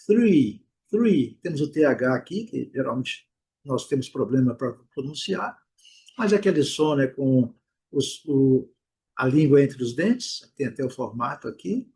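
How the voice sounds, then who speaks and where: A Brazilian man teaching English pronunciation, repeating example words slowly and stretching the vowels. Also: fairly high pitch, a little mellow, husky. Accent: Brazilian Portuguese. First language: Portuguese. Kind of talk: pronunciation lesson.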